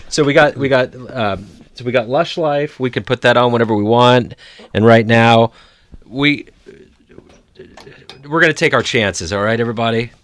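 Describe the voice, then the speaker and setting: A man's voice: mid-range voice, moderate pace, fairly bright tone, no room sound. A man co-hosting a casual music chat in a home studio, laughing often and restarting eagerly. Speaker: radio show co-host.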